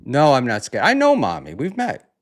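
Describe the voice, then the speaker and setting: A man hosting a relaxed chat show, talking in a loose, halting way. His voice sits at an ordinary middle pitch. He trails off, restarts his sentences and leans on fillers as he goes. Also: crowd noise. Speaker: podcast host. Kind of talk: casual chat.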